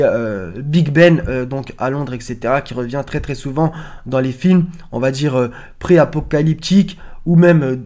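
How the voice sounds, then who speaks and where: A man commenting casually on film posters, pausing often with fillers and speaking straight to his viewers. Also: medium pitch, darkish tone. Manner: hesitant, many fillers, addresses viewers. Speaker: host.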